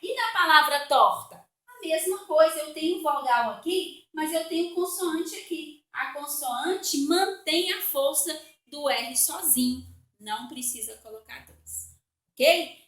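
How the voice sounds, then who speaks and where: A woman with a Brazilian Portuguese accent, teaching a recorded spelling lesson for children, patient and slow, repeating words to explain them. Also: high-pitched, fairly bright tone, roomy sound.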